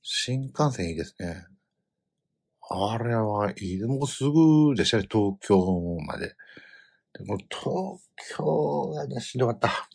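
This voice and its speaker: A middle-aged man with a Kansai accent, telling a family travel story in casual chat, animated and given to loud outbursts. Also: mid-range voice, a little slow, vocal fry, husky.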